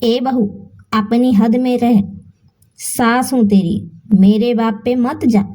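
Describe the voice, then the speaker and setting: A woman's voice: steady tone, slow, dark tone, far from the mic. A woman doing a bitter, scolding old mother-in-law. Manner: shrill taunting, self-pitying complaints.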